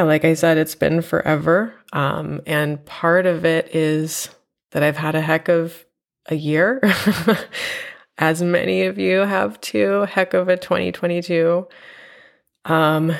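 A woman hosting her own podcast from home, talking in a reflective, unhurried way with a nasal voice from a cold. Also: deep voice, creaky. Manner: reflective, unhurried, with fillers and soft laughs. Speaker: podcast host and teacher. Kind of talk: personal podcast monologue. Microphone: home podcast mic.

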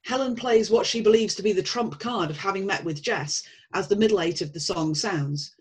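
Woman presenter, breathy voice, analytical, reading a script. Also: mid-range voice, normal speed, low-quality recording.

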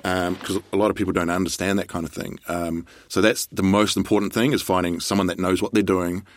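A man's voice: low-pitched, flat delivery, fairly quick, a little hiss or hum. A man chatting casually as an interview guest, a competitive bodybuilder explaining how things work. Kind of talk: casual chat.

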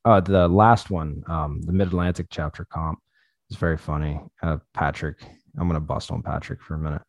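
A man with a low, grounded voice talks in loose, profane casual chat, laughing often as he tells stories. The sound is close and dry, with no room around it. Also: steady tone, normal speed, no echo.

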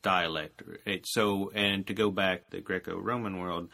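A classics scholar explains ancient texts in an easy conversational interview. His voice is very low and his phrases fade quietly at their ends. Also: fairly even intonation, normal speed, vocal fry.

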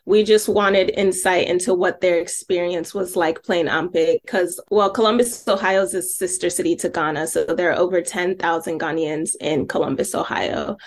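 Woman filmmaker from nigeria, lowish voice, chatty storytelling with lots of asides in a relaxed interview. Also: moderate pace, few pauses. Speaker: filmmaker guest.

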